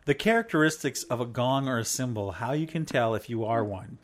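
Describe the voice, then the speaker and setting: On a faith talk show he co-hosts with his wife, a man chats playfully and rambles, ticking off points like a teacher. His medium-pitched voice is lively and a little fast.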